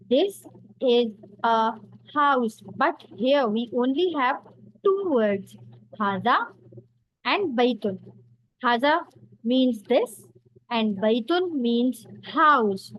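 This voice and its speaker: Slow, patient woman teaching beginners. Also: a little high, low-quality recording. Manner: slow, patient explaining, repeating words for learners. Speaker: Arabic teacher. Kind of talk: beginner language lesson.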